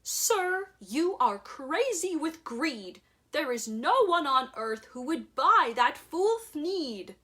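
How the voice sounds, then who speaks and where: A woman's voice: high-pitched, sing-song, slow, few pauses, bright, forceful tone, pitched above the performer's own voice, heavily acted. A woman voicing an indignant old male forest creature who scolds emphatically in a theatrical storybook reading.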